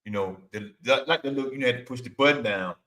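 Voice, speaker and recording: A man in his fifties in casual chat, telling relaxed stories and acting out old phone calls. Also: medium pitch, fast talker. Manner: laid-back storyteller, acts out phone calls.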